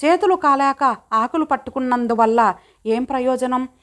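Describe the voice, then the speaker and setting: Female audiobook narrator, high voice, steady dramatic read. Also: moderate pace. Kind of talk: first-person story narration.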